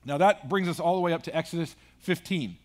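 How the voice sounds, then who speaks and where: A man's voice: fairly high pitch, quick pace. A man pastor preaching a sermon in a conversational way, with joking asides.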